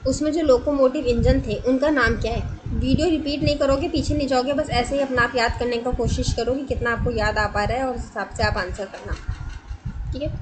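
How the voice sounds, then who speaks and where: A woman teaches an online coaching class in a fairly high voice, mixing English words into her explanation. She addresses the students directly and quizzes them as she goes. A clear steady noise runs under the recording. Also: fairly quick.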